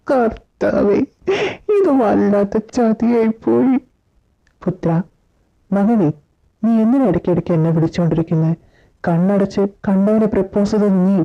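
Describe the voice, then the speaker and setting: Woman acting out a fan story, phone-like sound. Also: mid-range voice. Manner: dramatic, switching between character voices. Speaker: storyteller voicing all characters. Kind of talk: acted fan audio story. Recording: phone-like lo-fi audio with faint music.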